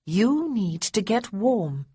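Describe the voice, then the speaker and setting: A woman's voice: mid-range voice, very animated, normal speed, a little mellow, breathy edge, no echo, clean studio sound, voice pushed up. A woman voicing an anxious young female cousin who fusses and gives firm orders. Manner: fretful, then firm and bossy.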